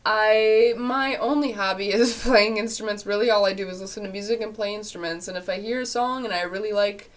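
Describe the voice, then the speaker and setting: A young woman talks briskly to her webcam with a medium pitch and steady tone, barely pausing as she answers viewer questions from her small bedroom. She sounds nasal and congested after an illness, rambling chattily with frequent fillers and laughter.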